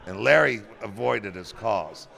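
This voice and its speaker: Older guy with a really gravelly voice, spinning old stories in a chat. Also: lowish voice, lively intonation, unhurried, sharp tone. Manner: rambling anecdotes with quoted dialogue. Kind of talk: casual storytelling chat. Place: convention center room.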